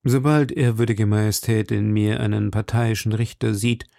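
A man reading an audiobook, voicing a scheming cardinal who speaks in a measured, politely cold way. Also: fairly low pitch, fairly even intonation, gravelly, mellow, no room sound, studio quality. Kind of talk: audiobook character voice.

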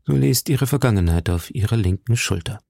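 A refined musketeer, voiced by a male narrator weighs each word softly and precisely. The voice is mellow and gravelly, recorded close and dry. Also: mid-range voice, animated, no echo, exaggerated voice. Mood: measured. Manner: soft, measured.

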